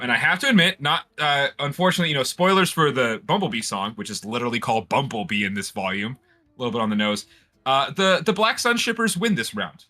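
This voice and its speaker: A man co-hosting a casual chat, excitable and rambling, with frequent restarts. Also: mid-range voice. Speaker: podcast co-host.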